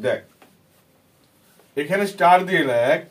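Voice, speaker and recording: This Bengali-accented man, his voice a little high, gives kids a grammar lesson in English with lively intonation and an unhurried, measured delivery. Patient and repetitive, he keeps asking the students questions.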